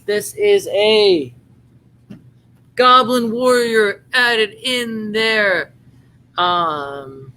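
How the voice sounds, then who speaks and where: Playful high-voiced salesman man. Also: drawn-out words, pauses often, pushed and bright, rough recording. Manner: playful, hammy, chatty salesman patter. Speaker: seller hosting a live-stream sale. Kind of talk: home-shopping style sales pitch.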